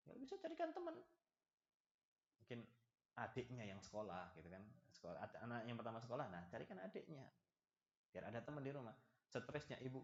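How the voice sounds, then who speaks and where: Lively, animated male preacher in an echoey hall. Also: on the low side. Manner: lively, acts out little dialogues and jokes with the audience. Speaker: preacher giving a study lesson. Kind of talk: religious study lecture. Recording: echoey, slightly dull hall recording.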